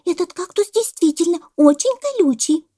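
Storybook monkey, female, young and excitable, pestering with questions in a very high voice. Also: moderate pace. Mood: excited. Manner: squealing, demanding questions.

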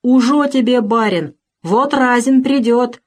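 A beaten serf peasant from an old historical storybook, crying out his pleas in a raised, strained, drawn-out voice, as a woman narrator acts him out. Every word comes out as a desperate plea for mercy. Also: a little high, voice pushed up. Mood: defiant.

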